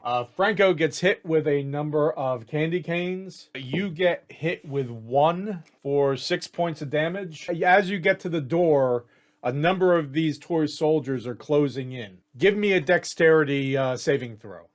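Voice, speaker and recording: A man's voice: fairly high pitch, unhurried. A man running a tabletop game as game master, narrating casually and matter-of-factly. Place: home setup, online stream.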